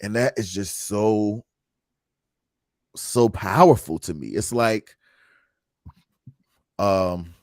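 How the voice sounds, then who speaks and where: A man with a very low, deep voice hosts a casual livestream chat, speaking earnestly and reflectively. The sound is dry and close, with no room echo. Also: drawn-out words, long pauses, darkish tone. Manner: earnest, reflective, reads live comments aloud. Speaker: host.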